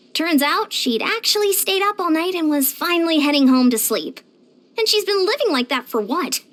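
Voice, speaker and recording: A short, determined, energetic young woman serves as a fitness coach in a video game, delivering animated voice lines in a very high, lively voice whose pitch swings widely. She sounds chatty, confident, earnest and plainspoken, though her mood here is bemused and puzzled.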